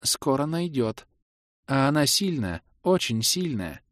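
A man voicing a young girl who speaks slowly and thoughtfully with an eerie calm. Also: medium pitch, no room sound, clean studio sound, pitched above the performer's own voice. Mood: dreamy.

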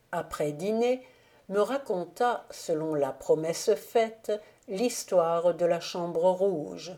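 A woman reading a classic novel aloud as an audiobook narrator, calm and measured. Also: on the low side. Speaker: audiobook reader.

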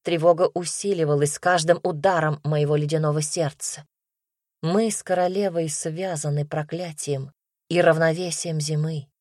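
A woman reading a first-person fantasy audiobook in a steady, expressive way. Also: low-pitched, no room sound, studio quality. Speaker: audiobook narrator.

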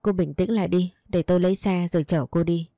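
A woman reads out a steady, reassuring young man in a spoken story. The voice sits low and mellow, dry and close. He talks calmly and holds his ground. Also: fast talker, no echo, natural voice. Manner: calm, reassuring, a bit stubborn.

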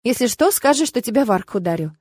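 A woman voicing a young queen and mother who speaks softly and patiently, with light teasing. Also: a little high, big pitch swings, fast, slightly rough, no room sound.

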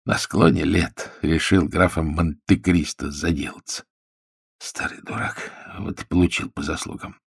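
A man's voice: very deep voice, steady tone, measured pace, gravelly, husky, no echo, clean studio sound, exaggerated voice. A man voicing a shaken older father who mutters in a trembling voice.

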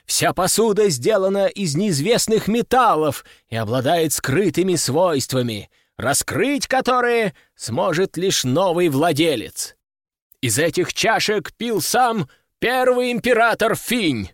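A grinning auctioneer shouts out each lot with showy delight, as a male narrator puts him on. His voice rides high and swoops widely through every announcement. The recording is close and dry. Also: very animated, slow, no echo, full character voice.

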